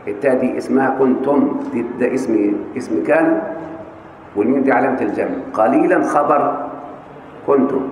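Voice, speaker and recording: A man lecturing on Arabic grammar with an Egyptian accent, often pausing to quiz his students on the answer. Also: medium pitch, a little mellow, a little hiss or hum. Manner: questioning students, coaxing answers. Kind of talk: classroom lecture. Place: large mosque hall. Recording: echoey hall with faint ambience.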